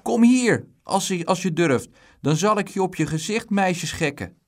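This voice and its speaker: A man voicing a greedy, hot-tempered twelve-year-old boy who talks eagerly and flares up quickly. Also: medium pitch, very animated.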